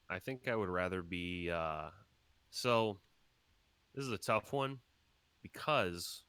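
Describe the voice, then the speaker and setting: A man on a casual online fan panel, laid-back and quick to chime in. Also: on the low side, pushed and bright, no echo. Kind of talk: casual chat on a livestream panel.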